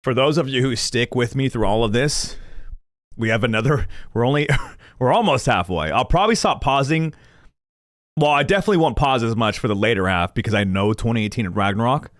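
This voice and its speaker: A man's voice: mid-range voice, animated, brisk, no room sound, clean studio sound. Rambling young male gaming streamer. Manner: rambling, self-deprecating, laughs often. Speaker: gaming streamer reacting to lore videos. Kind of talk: casual rambling chat to viewers.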